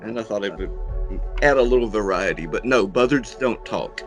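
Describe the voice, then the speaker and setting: A middle-aged man in a casual interview, talking in an unhurried, folksy way with dry humour, as a horror host. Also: lowish voice, lively intonation, music in the background. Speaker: horror host and monster museum owner being interviewed.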